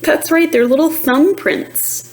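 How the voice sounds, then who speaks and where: With a voice that sits high, this woman reads a picture book to children in a deliberate, expressive teacherly style. She pauses now and then to put questions to her young audience.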